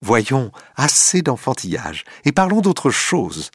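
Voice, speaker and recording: A startled society lady whose voice jumps high when she is caught off guard, as a male narrator puts her on. She stammers out her protests in short, breathless bursts, in a dry, close storybook reading. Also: wildly swooping pitch, takes it slowly, dry recording, full character voice. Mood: flustered. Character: society woman, flustered, proper and reserved.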